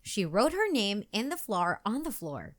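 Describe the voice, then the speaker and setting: Slow, expressive woman reading a kids' book. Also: mid-range voice. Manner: slow, expressive, sing-song storytelling. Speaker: storybook reader. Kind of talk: children's read-aloud narration.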